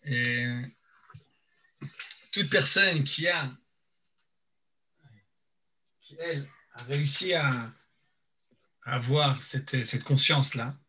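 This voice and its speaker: A man teaching an informal religious lesson, speaking haltingly and searching for words, his mouth half numb from dental anaesthetic. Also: medium pitch, pushed and bright, a little hiss or hum, poor audio. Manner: hesitant, repeats and searches for words.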